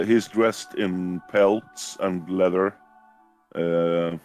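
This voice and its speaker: A Swedish-accented man describes things at a tabletop game and halts between phrases, often filling gaps with hesitation sounds. He talks very slowly in a low voice. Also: darkish tone. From Sweden. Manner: halting, long pauses full of fillers. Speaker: player.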